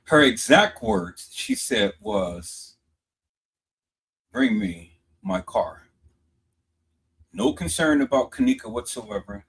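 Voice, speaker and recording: A man giving emphatic commentary on a played clip, repeating quotes for effect and rising toward a shout. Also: medium pitch, very animated, slow, gravelly, pauses often, poor audio.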